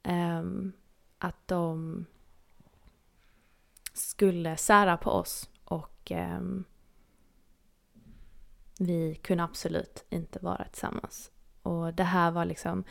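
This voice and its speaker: A woman's voice: fairly low pitch, gravelly. A woman telling a personal story in an earnest, intimate way, sometimes dropping to a near-whisper.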